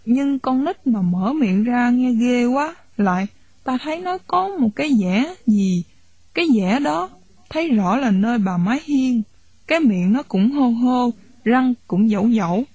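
A woman reading a novel aloud in a steady storytelling voice. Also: fairly high pitch, measured pace, husky, no room sound, lo-fi sound. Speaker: audiobook narrator.

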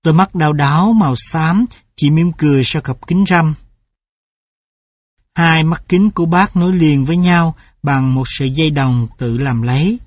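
Steady male audiobook narrator, dry sound. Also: on the high side, normal speed, no echo.

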